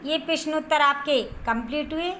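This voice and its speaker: A woman teacher giving a grammar lesson to first graders, repeating each word and answer slowly so they can write it down. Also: high-pitched, sharp tone, a little hiss or hum.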